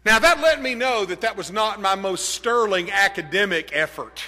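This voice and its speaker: Bright-voiced preacher in an echoing hall. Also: male voice, high-pitched, expressive, normal speed. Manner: storytelling, rising to emphatic declarations. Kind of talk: sermon. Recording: long hall reverb.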